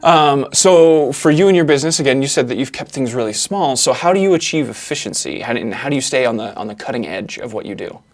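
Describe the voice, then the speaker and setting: A man hosting a podcast interview, greeting his guest and asking questions with upbeat enthusiasm. His voice sits at an average pitch, and he talks casually. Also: animated, fast talker, hardly any pauses. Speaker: podcast host.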